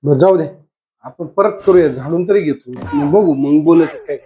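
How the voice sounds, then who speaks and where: A high-voiced man playing a husband in a comedy sketch. He sounds exasperated and pleading, muttering to himself between complaints. Faint music plays underneath. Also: normal speed, mellow. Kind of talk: scripted comedy sketch acting.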